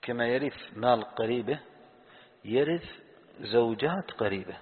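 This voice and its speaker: A man teaching a lesson on Quran commentary, asking the audience questions and answering them himself, and slowly repeating key words. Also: medium pitch, expressive. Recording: tinny phone-like sound in a reverberant hall.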